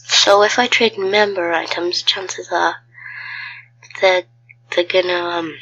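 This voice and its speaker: A gaming video creator with a cold sounds ill as she chats casually with viewers, thinking aloud during gameplay commentary. Her voice is lowish and sharp in tone, with fairly even intonation and a slow pace, and the high frequencies are cut off.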